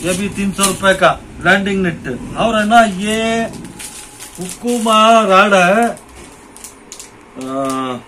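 A man's voice: high voice, takes it slowly, pauses often, sharp tone, a little hiss or hum, rough recording. A middle-aged man from India in a small shop, casually demonstrating fishing gear to a camera and repeating his points to the viewer. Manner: repetitive, points things out to the viewer. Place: small cluttered shop, indoors.

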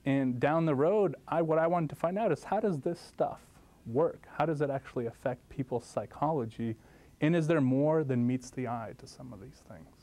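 Brief: man from Lithuania, thirties, studio interview guest, warm mellow tone, animated telling. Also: moderate pace. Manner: animated storytelling, lively pitch jumps. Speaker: guest professor. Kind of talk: interview answers. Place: studio set, seated. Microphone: lapel mic.

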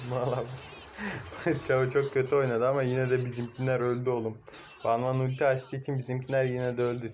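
A young man casually commentating his own mobile game match, excitable, cursing at teammates and shouting now and then. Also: medium pitch, muffled recording, a little hiss or hum. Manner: excitable, swears and shouts at teammates, laughs loudly.

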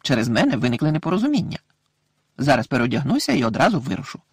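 A man voicing a tired, patient middle-aged wizard father who talks in a calm, sighing way, in an audiobook. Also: mid-range voice, racing, slightly rough, no room sound, studio quality, exaggerated voice. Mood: weary.

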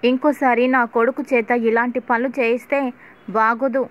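Brief: shrill scolding mother-in-law, sharp and nagging, read by a woman. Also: flat delivery, moderate pace, lo-fi sound, close to an everyday voice. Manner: nagging, rising to agitated scolding.

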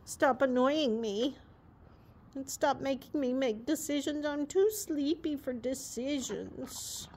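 A woman voicing the thoughts of her sleepy, grumbling young male horse, speaking slowly and drowsily in a barn aisle. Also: sits high, a little mellow, slight background noise. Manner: slow, drowsy complaining.

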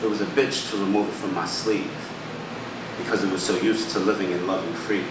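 A man performing his own spoken word poems at an open mic, with a rhythmic, rhyming delivery and dramatic pauses. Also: low voice, steady tone. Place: small poetry theater stage. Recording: echoey room, distant mic, background hum.

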